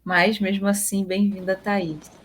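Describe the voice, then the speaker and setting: A woman's voice: medium pitch, little pitch movement, measured pace, a little hiss or hum. A woman moderating an online film panel, introducing each guest in an upbeat, enthusiastic way.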